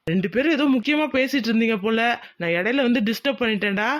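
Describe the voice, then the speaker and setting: A man's voice: very high-pitched, lively intonation, quick pace, a bit bright. A man putting on a chatty loyal village buddy. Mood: chummy. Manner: chummy, admiring. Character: loyal young male village friend, chatty.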